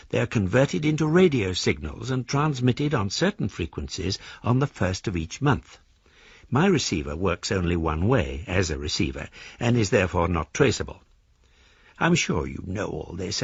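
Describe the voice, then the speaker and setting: In this British radio drama, the actor plays a fugitive embezzler with a philosophical bent, a mannered gentleman with a British accent who reads out his ornate, formal letters. Here the voice is low and slightly rough with vocal fry, lively in intonation and at a normal speed, confiding and philosophical in a full character voice. There's no room sound, and the high frequencies are cut off.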